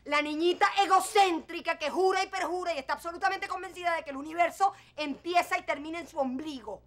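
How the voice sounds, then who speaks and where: A woman's voice: fairly high pitch, moderate pace, a bit bright, lightly acted. An actress with a Venezuelan accent playing a hurt, proud middle-aged mother who turns cutting and sarcastic toward her daughter in a telenovela. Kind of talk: telenovela acting.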